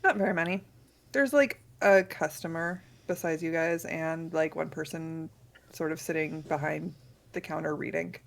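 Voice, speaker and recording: A woman running a tabletop game as game master, laughing often and talking in a relaxed way. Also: low-pitched, moderate pace, creaky.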